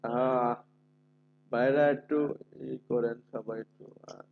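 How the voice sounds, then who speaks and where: A man's voice: mid-range voice, steady tone, a little hiss or hum. Man teaching letter sounds over muffled call. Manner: patient, repeats letter sounds slowly for students. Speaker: Quran recitation teacher. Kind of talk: online class instruction.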